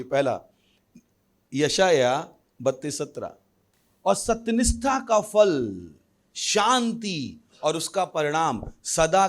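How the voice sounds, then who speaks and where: A male pastor preaching a sermon, lively with humorous asides and questions thrown to the congregation. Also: a little high. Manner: animated preaching with humorous asides and acted voices.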